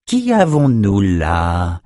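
Sardonic male sorcerer lord, read by a man, low, mocking, dry audiobook read. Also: lively intonation, normal speed, dry recording, lightly acted. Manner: mocking, callous, amused. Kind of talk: audiobook character voice.

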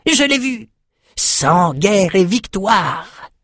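Guy doing squeaky crazy seer, high and jumpy, gloating mutter, dry close audio. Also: big pitch swings, drawn-out words, fairly bright tone, no echo, full character voice. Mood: manic. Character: shrill, unhinged male seer of a warrior king.

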